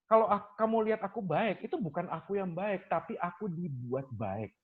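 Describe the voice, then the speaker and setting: A male lecturer in a casual talk, telling stories from his classes and acting out his students' questions in a lively way. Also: high voice, moderate pace, narrow, tinny audio. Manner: animated storyteller, acts out students' questions, mixes in English phrases.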